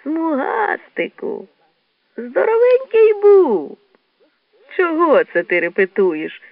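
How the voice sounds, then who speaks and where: A woman's voice: very high voice, wildly swooping pitch, no room sound, pitched above the performer's own voice, exaggerated voice. A woman doing a sly teasing old hedgehog. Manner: slow, mocking and teasing. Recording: tinny lo-fi dry recording.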